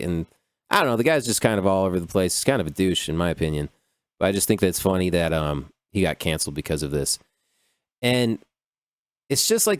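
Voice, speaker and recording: A man with a lowish voice hosts a podcast solo, riffing on news stories in a loose, rambling, profane way packed with "dude" and "like." The recording is dry and studio quality.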